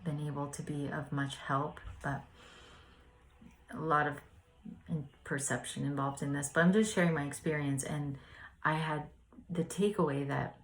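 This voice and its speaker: Low-voiced woman, soft and hesitant, casual reflective vlog delivery, light background noise. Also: steady tone, normal speed, long pauses, rough recording. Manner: soft-spoken, hesitant, many fillers. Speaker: spiritual study vlogger.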